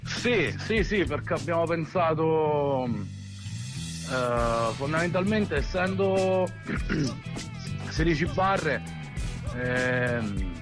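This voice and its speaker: A man's voice: fairly high pitch, lively intonation, very slow, over music. A man from Abruzzo calling in to a radio show on speakerphone, chatting in an easygoing, rambling way with lots of fillers. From Abruzzo, Italy. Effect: heard over a speakerphone call. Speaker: phone-in guest rapper. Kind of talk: casual radio chat.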